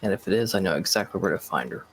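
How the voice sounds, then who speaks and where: A woman's voice: very deep voice, animated, rapid-fire, a little hiss or hum. A woman chatting casually while gaming with a friend, laid-back and teasing, laughing often. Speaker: co-player.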